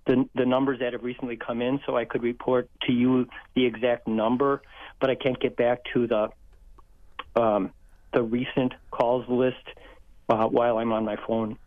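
A man calling a radio show on speakerphone, talking haltingly with many restarts. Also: mid-range voice, level tone, dry recording. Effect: on speakerphone over a phone line. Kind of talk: casual call-in question. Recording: tinny phone line.

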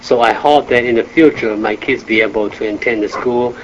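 A man's voice: mid-range voice, a little hiss or hum. Interpreter man in dull field audio. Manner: halting, simple phrasing with grammar slips. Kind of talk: first-person interpretation of an interview.

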